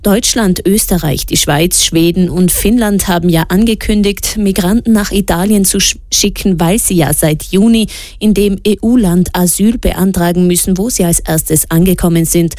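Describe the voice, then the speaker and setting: A woman reading the radio news in a steady, measured way. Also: fairly low pitch, dry recording, clean studio sound. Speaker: news presenter. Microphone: studio microphone.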